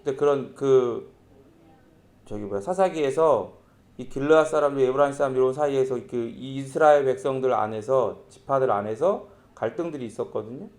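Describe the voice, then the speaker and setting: A man preaching a sermon as pastor, speaking lively and acting out quoted lines in voices. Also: mid-range voice, moderate pace. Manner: lively, acts out quoted speech in character voices.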